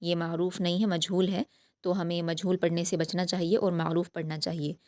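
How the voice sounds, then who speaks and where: A woman with a low, even, smooth voice, patiently teaching recitation in a slow lesson. She explains each rule, then recites the words slowly and carefully. The sound is close and dry. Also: no room sound.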